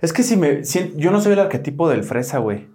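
A man's voice: on the high side, sing-song, brisk, darkish tone. A young man with a Mexican accent co-hosting a casual podcast, talking in loose slang and swearing casually. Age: young adult. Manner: slangy, swears casually, says "güey" often. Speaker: podcast co-host.

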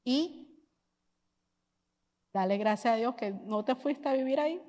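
A woman preaching a sermon, telling a personal story in an animated way and mixing in English phrases. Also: fairly high pitch, measured pace, in a large hall. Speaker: pastor's wife and preacher.

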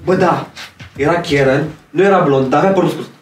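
A man telling a story in a casual podcast chat, in a lively, dramatic way. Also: fairly high pitch, a little hiss or hum. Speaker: podcast guest. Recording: roomy echo, distant mic, faint music.

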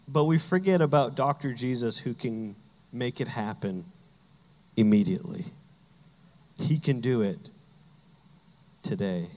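Slow-speaking pastor in a reverberant hall. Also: male voice, medium pitch, darkish tone. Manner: humorous storytelling, acting out biblical characters. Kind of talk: sermon.

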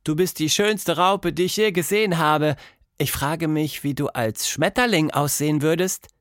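A man's voice: fairly high pitch, normal speed, fairly bright tone, no echo, clean studio sound, voice pushed up, close to an everyday voice. A man playing curious little girl Tilda. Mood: wondering. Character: curious lonely young girl. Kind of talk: storybook reading.

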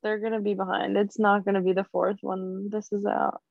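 A woman's voice: mid-range voice, little pitch movement, gravelly, dry recording. A young woman co-hosts a laid-back podcast chat, laughing often and stretching out her phrases. Her voice sits in a middle range. The recording is dry and a bit dull, with a lo-fi edge. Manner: giggly, chatty, drawn-out phrasing. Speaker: podcast co-host. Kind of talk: casual chat.

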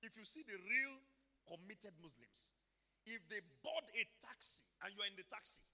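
In a church hall, a pastor preaches an energetic sermon, swinging from quiet asides to shouted exclamations and acting out voices. His voice is high-pitched and his pace moderate.

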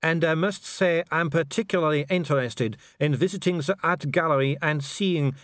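A man's voice: mid-range voice, quick pace, no room sound, close to an everyday voice. A shaken male diplomat who stays stiffly polite while his voice rises, voiced by a male reader. He sounds strained and formal. The recording is dry. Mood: stunned.

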